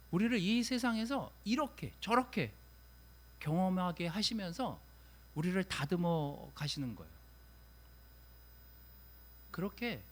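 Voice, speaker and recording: A woman pastor preaching a sermon in a church, talking in a lively, conversational way. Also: lowish voice. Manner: animated, conversational preaching, acts out complaints.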